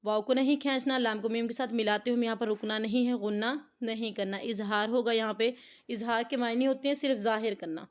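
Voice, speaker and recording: A woman teaching Quran recitation in an online lesson, patiently explaining each rule and then reciting phrases slowly for her students to repeat. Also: on the high side, fairly even intonation.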